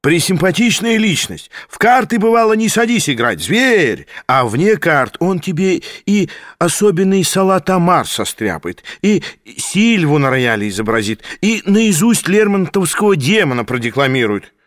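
A man voicing an effusive, sentimental former card sharp, raised and excited in tone. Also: sits high, moderate pace, hardly any pauses, no room sound, clean studio sound, pitched above the performer's own voice. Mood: effusive nostalgic.

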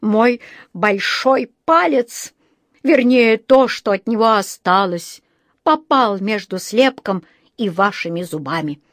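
A woman voicing a flustered middle-aged male dentist who speaks in a brisk, huffy way, in a storybook reading. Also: medium pitch, no room sound, clean studio sound, close to an everyday voice. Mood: shaken.

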